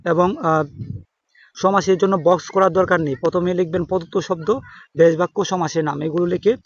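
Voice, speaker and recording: A young man with a Bangladeshi Bengali accent giving an informal exam-prep lesson, halting with many fillers and restarts. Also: high-pitched, steady tone. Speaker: exam tutor. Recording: dull dry close recording.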